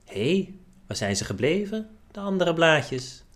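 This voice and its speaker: A man voicing a vain, proud little male autumn leaf in a children's storybook, talking in a shrill, fretful, self-admiring way. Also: sing-song, a little slow, a bit bright. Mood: indignant.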